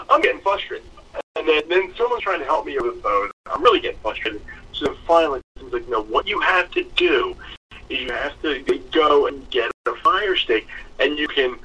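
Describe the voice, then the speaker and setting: A man's voice: a little high, bright, forceful tone, husky, distant mic, low-quality recording. A man co-hosting a fight podcast, telling a long self-mocking story in casual chat. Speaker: podcast co-host.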